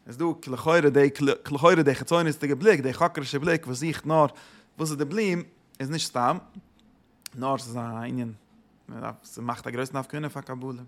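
A man's voice: mid-range voice, fairly even intonation, moderate pace. A man explaining religious texts as a teacher, searching for words and restarting his phrases.

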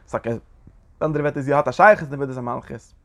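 A man teaching a Zohar lesson in an animated lecturing way, often asking his listeners short questions. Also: mid-range voice, fast talker. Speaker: Torah teacher.

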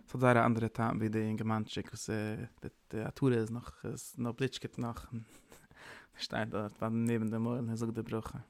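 Gravelly man giving a rambling sermon. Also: fairly low pitch, moderate pace, no echo. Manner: rambling, animated, mixing in English terms. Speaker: preacher. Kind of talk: informal Yiddish-tinged sermon.

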